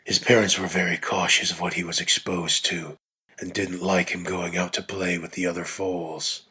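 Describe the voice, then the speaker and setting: A man giving a dramatic scripted narration of a story, in a measured delivery with deliberate pauses. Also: sits low, little pitch movement, bright, forceful tone, slightly rough. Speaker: reader of a dramatic reading.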